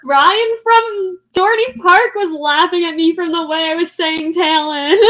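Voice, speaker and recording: A woman's voice: extremely high pitch, measured pace, a bit bright. A woman with a Delco Philadelphia accent hosting a casual podcast chat, speaking in a blunt, joking, informal way. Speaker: podcast host.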